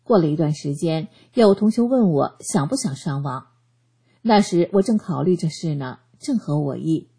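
A woman giving a scripted narration of a first-person testimony, reading in an earnest, steady way. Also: deep voice, moderate pace, husky.

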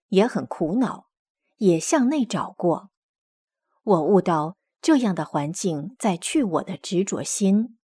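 Expressive woman reading aloud, dry sound. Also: medium pitch, slightly rough, no echo. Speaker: reader of a testimonial article. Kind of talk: read-aloud first-person narration.

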